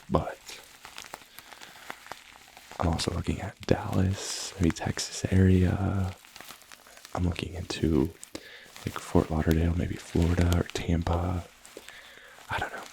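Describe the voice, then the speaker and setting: A man in his twenties whispering casual, rambling ASMR in a hushed voice, close to the ear. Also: sits low, gravelly, poor audio. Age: 20s. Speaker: ASMR creator, physical therapy student.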